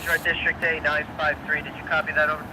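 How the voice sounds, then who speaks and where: A man's voice: a little high, completely flat delivery, fast talker. A man giving clipped, hesitant railroad reports over a radio, heard through a scanner with static bursts. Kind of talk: radio transmission.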